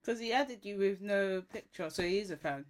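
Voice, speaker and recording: A woman's voice: medium pitch, moderate pace. A young woman with a London accent chatting casually, with slangy and emphatic reactions. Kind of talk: casual chat.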